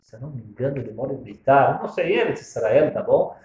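A man giving a storytelling sermon, animated and acting out the dialogue. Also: medium pitch, fast, slight background noise. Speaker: religious speaker. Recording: roomy echo.

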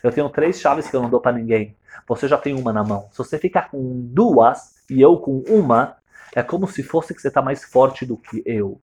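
A man voicing God as a calm, sovereign figure, speaking quietly and slowly. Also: mid-range voice, husky.

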